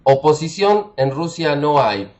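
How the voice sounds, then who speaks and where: A man's voice: a little high, animated, measured pace, a little mellow. A man with an Argentine Spanish accent, an interviewer asking questions conversationally, with hesitations and fillers. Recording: dull lo-fi audio with faint music.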